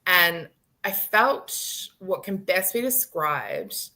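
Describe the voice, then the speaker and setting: A woman in her late thirties with a low-set, bright, forceful voice, telling a personal story over a video call. She talks animatedly, laughs often and acts out what people said. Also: very animated, very slow. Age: late 30s. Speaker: guest. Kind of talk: storytelling in a live-stream chat.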